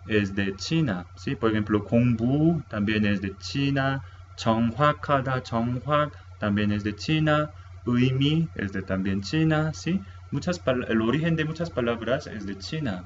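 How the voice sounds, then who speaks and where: Teaching a Spanish-language lesson, this man, whose first language is Korean, speaks haltingly, repeats words, and keeps asking "¿sí?". The recording of his medium-pitched voice is muffled, with a little hiss or hum.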